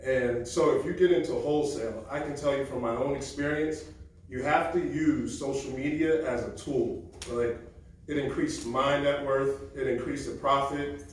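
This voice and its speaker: A man giving a relaxed, confident self-introduction at an event, with frequent ums. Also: medium pitch, normal speed, slight background noise. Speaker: event speaker. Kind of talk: casual self-introduction talk. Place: event room. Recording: echoey room from a distance.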